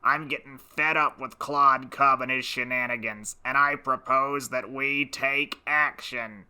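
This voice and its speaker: A man's voice: medium pitch, fairly even intonation, a little slow, sharp tone, clean tone. A man voicing a prim, determined male frog in a storybook. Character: bright, bossy little male frog.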